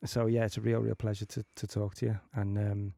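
A man's voice: fairly low pitch, flat delivery, a little fast, vocal fry, warm tone, no echo, studio quality. A man hosting a podcast in casual chat, easygoing, with many fillers and agreeing "yeah"s. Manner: easygoing, lots of "you know" and "yeah". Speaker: podcast host.

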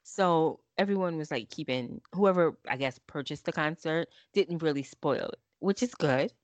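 A woman's voice: low voice, moderate pace, no echo. A woman co-hosting a casual chat podcast over a call, explaining things at length and thinking aloud. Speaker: podcast co-host.

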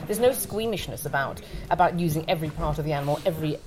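A woman's voice: sits low, very fast, over music, rough recording. A woman in her fifties, a food columnist chatting casually and opinionatedly. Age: 50s. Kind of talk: casual chat.

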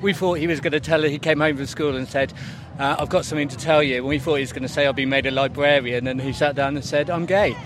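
A middle-aged man telling heartfelt personal stories as a parent in an interview. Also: a little high. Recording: busy outdoor crowd behind. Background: crowd outdoors.

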